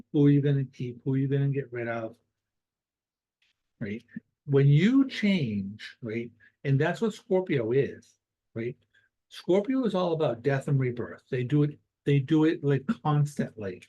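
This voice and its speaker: A man's voice: mid-range voice, darkish tone, rough recording. A middle-aged man giving a tarot reading for a star sign in casual, conversational talk, often tagging his phrases with "right?". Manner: conversational, keeps adding "right?" after phrases. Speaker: tarot reader.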